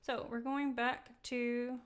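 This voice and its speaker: A woman hosting a live-streamed software tutorial, talking casually with many fillers and laughing at her own slips. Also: a little high, flat delivery, slow. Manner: casual, chatty, many ums, laughs at herself. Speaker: software demo host. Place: indoor room.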